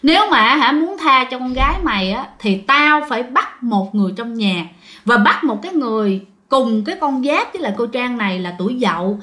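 A woman's voice: a little high, expressive, brisk, bright, forceful tone. A woman voicing angry vengeful ghosts who speak through a medium, harsh and scolding.

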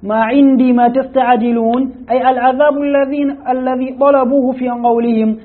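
A man's voice: extremely high pitch, level tone, brisk. A man reading a classical commentary aloud in a lesson, carefully, with stumbles and restarts. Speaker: student reading the text aloud. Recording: tinny phone-like lo-fi audio.

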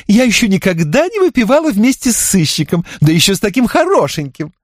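A tipsy young woman gushes and pleads in a lilting, sing-song voice, put on by a man reading an audiobook. Her lines rise high and swoop across a wide range. The recording is dry and close. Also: big pitch swings, no echo. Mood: coaxing. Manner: gushing, wheedling, drawn-out.

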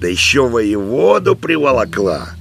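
A man's voice: low voice, steady tone, unhurried, a bit bright, voice pushed up. A man voicing a scrawny, cantankerous old man who jeers and curses in an audiobook, with music behind. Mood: abusive. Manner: jeering, cackling, abusive.

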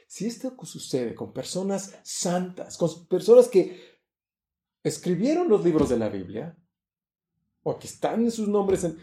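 A man preaches a sermon in a very mellow, dark-toned voice that sits a little high. He is earnest and emphatic. He pushes louder and higher whenever he stresses a point. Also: very animated, unhurried, echoey room.

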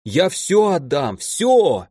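A man's voice: a little high, big pitch swings, extremely slow, mellow, husky, dry recording, clean studio sound, full character voice. A man voicing a frantic, hysterical fat merchant who wails and pleads. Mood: pleading wail. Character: frantic fat wealthy male caravan merchant.

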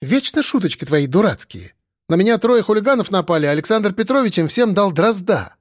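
A man's voice: sits high, lively intonation, brisk, no room sound, clean studio sound, pitched above the performer's own voice. A man voicing a young factory girl, eager and coaxing. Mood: teasing.

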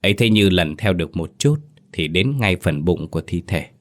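A man narrating a horror story in a steady, grave manner. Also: low-pitched, moderate pace.

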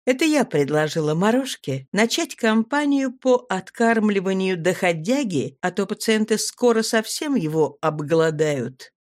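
Woman reading an audiobook, mid pitch, lively and expressive. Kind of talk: audiobook narration.

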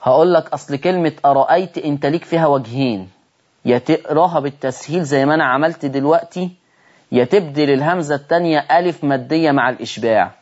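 A man with an Egyptian accent teaching Quran recitation on a televised lesson, animated and often asking his listeners rhetorical questions. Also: fairly high pitch, quick pace, lo-fi sound. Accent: Egyptian Arabic.

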